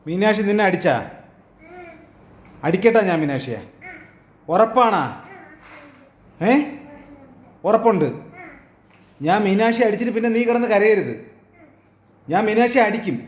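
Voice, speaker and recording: A woman's voice: medium pitch, expressive, measured pace, long pauses. A woman playfully teasing her young children at home, repeating her questions over and over, recorded on a phone set down nearby. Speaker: mother playing with her children. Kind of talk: casual home video. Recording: echoey room, noisy home phone recording.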